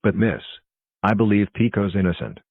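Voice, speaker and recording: A man's voice: fairly low pitch, big pitch swings, moderate pace, breathy edge, dry recording, phone-quality sound, soft background music, exaggerated voice. A synthetic-sounding man voicing a worried, suspicious cartoon father in a stiff, formal way. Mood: concerned, polite. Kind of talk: scripted cartoon dialogue.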